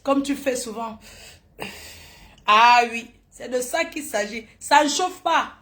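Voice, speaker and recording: A woman from France putting on an Ivorian accent as she sends live stream shout-outs, repeating catchphrases in a sing-song way and laughing often. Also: a little high, slow pace. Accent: put-on Ivorian French. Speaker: social media streamer.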